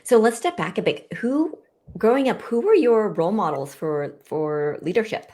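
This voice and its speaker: A woman's voice: mid-range voice, lively intonation, normal speed, dark tone. A woman hosting an online interview over a video call, welcoming and eager, with some fillers. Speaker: host.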